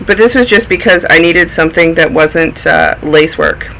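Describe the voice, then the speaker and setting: This knitting podcast host has a cold and sounds snuffly as he rambles through his projects in chatty show-and-tell, full of tangents. His fairly high voice is gravelly, pushed and bright, at normal speed. The low-quality recording has a little hiss or hum.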